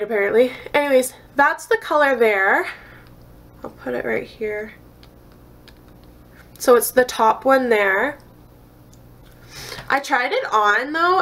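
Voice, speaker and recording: A woman's voice: mid-range voice, a bit bright. A tired young woman from Canada, a beauty vlogger chatting casually through a product haul, rambling with lots of fillers and restarts. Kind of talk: casual haul video chat.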